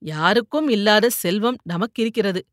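A woman voicing an ailing older husband who speaks gently and steadily to console his wife. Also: mid-range voice, moderate pace, dry recording, clean studio sound, close to an everyday voice. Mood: calm consoling.

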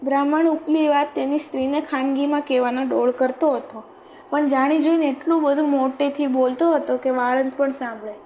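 High-voiced woman telling a children's tale. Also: steady tone, a little fast, darkish tone, lo-fi sound, slight background noise. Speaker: storyteller podcast host. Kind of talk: children's story narration.

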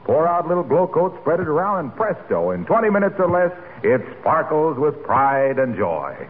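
An actor playing an effusive, relentlessly enthusiastic pitchman and announcer in a 1940s radio comedy, with gushing salesman delivery. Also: big pitch swings, moderate pace. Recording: tinny 1940s radio recording, faint noise.

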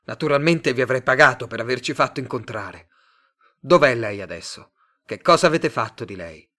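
A man reading a story aloud, voicing an agitated young man desperate in love who pleads and shouts. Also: mid-range voice, animated, normal speed. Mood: shouting.

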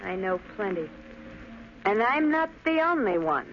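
A woman's voice: medium pitch, very animated, a little slow. A muffled, slightly noisy vintage radio recording features a young woman. She is defiant and determined, speaking with the pointed melodramatic delivery of 1930s radio serials. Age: young adult.

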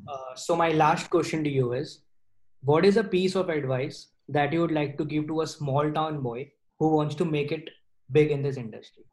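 A man's voice: on the high side, moderate pace, a little mellow, poor audio. A man hosting a podcast interview in a casual style.

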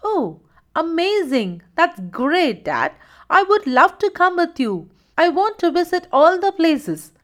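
A woman's voice: very high-pitched, sing-song, takes it slowly, fairly bright tone, voice pushed up, exaggerated voice. A woman voicing an eager, cheerful young boy in a children's story. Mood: excited.

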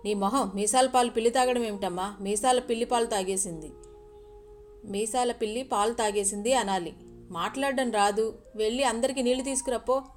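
A woman's voice: a little high, moderate pace, soft background music, close to an everyday voice. A woman voicing a stingy, vain man who scolds his small daughter to brush her off. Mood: scolding.

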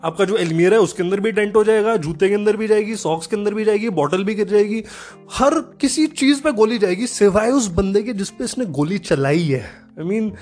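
Man, high-pitched voice, sarcastic comedic rant, animated and profane, faint background music. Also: normal speed.

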